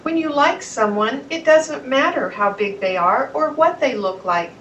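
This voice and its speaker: A woman's voice: sits high, animated, a little slow, a bit bright, roomy sound, dull audio. Woman reading sincere young pond friend, explaining, distant mic, faint hiss.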